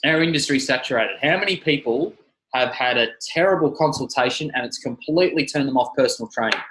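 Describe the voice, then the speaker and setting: A man who trains personal trainers, giving an energetic seminar talk and repeating his key phrases. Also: mid-range voice, fast talker, poor audio.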